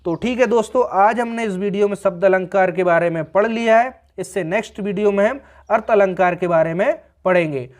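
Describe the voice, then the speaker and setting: A man's voice: sits high, brisk, hardly any pauses. A man teaching a grammar lesson, patiently repeating each point and asking the class rhetorical questions as he explains.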